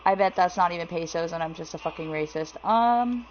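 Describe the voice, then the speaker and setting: A woman giving casual, jittery commentary while playing a horror game, swearing freely and reading things out loud. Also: on the low side, a little fast, dull audio, slight background noise. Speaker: let's play gamer.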